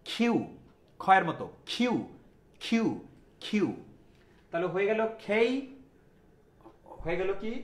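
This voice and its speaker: A man from Bangladesh teaches a class, with a voice that sits high for a man. He drills sounds over and over and keeps quizzing his students. The room is echoey. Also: a bit bright. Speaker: English teacher. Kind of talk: classroom lesson.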